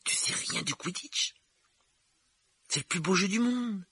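A man voicing an eager, talkative young wizard boy who rambles excitedly. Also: fairly high pitch, moderate pace, slightly rough, no room sound, voice pushed up, full character voice. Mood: aghast. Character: chatty eager red-haired wizard boy.

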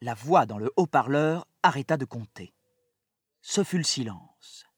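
A man narrating a children's story aloud in an expressive, dramatic audiobook style. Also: mid-range voice, a little slow, husky, no echo, clean studio sound. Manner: lively and dramatic, shifting with the story.

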